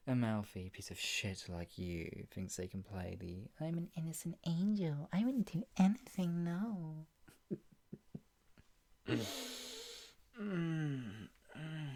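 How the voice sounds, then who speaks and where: A performer plays a possessive, obsessive captor for an ASMR roleplay, speaking slowly and smugly with teasing chuckles and sighs and frequently slipping into a taunting, breathy whisper. The voice sits in the middle range with a dark tone, and the attitude comes across as condescending and taunting.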